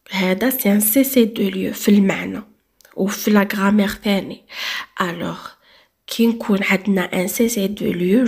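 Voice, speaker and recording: A woman teaching French grammar, drilling example sentences and repeating words slowly. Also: medium pitch, darkish tone, husky. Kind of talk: explaining French grammar to learners.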